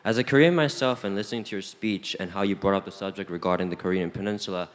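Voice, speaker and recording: A teenage male student asking a formal question at a stand mic in a large auditorium. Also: low-pitched. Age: teens. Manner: quick, formal phrasing. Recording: reverberant lecture hall.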